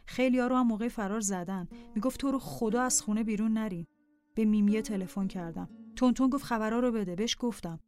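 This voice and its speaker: A woman narrating a personal diary in a calm, scripted reading voice over faint music. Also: on the high side, few pauses.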